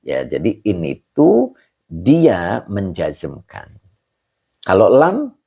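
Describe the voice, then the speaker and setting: Male religious teacher, slow and patient, low husky voice, lively intonation, online grammar class. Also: dull audio. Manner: patient explaining, answering students by name, chuckles. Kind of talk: online Arabic grammar lesson.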